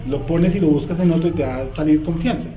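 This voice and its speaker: A man's voice: fairly high pitch, fast talker, narrow, tinny audio. A man teaching a Bible study class, asking his students questions and leaving sentences open for them to finish. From Colombia. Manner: quizzing students with fill-in questions. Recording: roomy, faint background noise.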